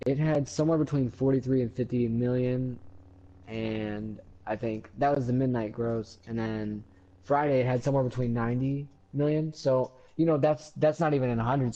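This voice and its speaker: A man on as a guest, chatting casually in a relaxed way and letting his sentences trail off. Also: mid-range voice, normal speed, highs cut off. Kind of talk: casual chat.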